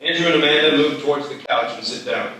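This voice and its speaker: A man narrates stage directions at a live script reading in a bright, slightly high voice, speaking fast and far from the microphone. The hall is very echoey and carries some ambient noise.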